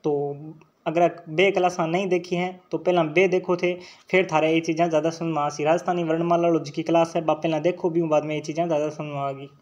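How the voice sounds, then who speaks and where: High-voiced Rajasthani teacher drilling sounds. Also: male voice, flat delivery, brisk, darkish tone. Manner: drills sounds aloud, checks in with "theek hai" often. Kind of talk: online exam-prep lecture.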